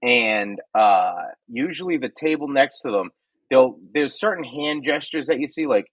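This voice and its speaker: A man's voice: mid-range voice, normal speed, no room sound, rough recording. A man who is a comedian hosting a podcast, telling stage stories in casual chat and acting out crowd exchanges, with frequent swearing. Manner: animated storytelling, swearing, acts out crowd exchanges.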